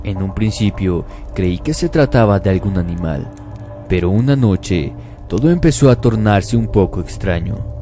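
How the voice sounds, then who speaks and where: A man narrating a first-person horror story at a slow, calm pace. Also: low voice, faint music behind.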